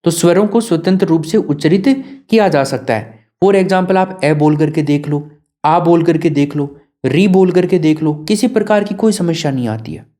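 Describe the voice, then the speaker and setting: A man's voice: a little high, moderate pace, warm tone. A male teacher giving an exam prep lesson, often asking his students questions and then answering them himself. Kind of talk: classroom lesson.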